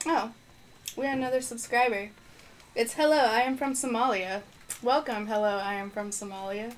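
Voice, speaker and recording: A woman with a slightly high voice talks at a normal speed, with faint music in the background. She's live-streaming a video game, chatting casually as she thinks aloud and answers viewers. Her microphone sits on the floor.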